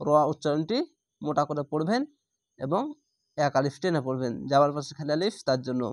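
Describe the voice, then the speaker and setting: A man's voice: a little high, lively intonation, fairly quick, dry recording, clean studio sound. A man teaching Quran reading, spelling out each letter and vowel mark and then blending the syllables, with patient explanations between drills. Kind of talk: slow spelled-out recitation lesson.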